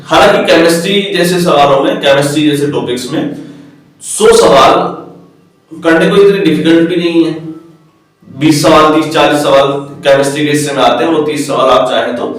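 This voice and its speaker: A man teaching maths in an echoey room, heard from a distance. His voice sits slightly high for a man. He calls his students "beta" and spells formulas out slowly, piece by piece. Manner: addresses students as "beta", slows right down to dictate formulas. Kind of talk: blackboard lesson, coaching tone.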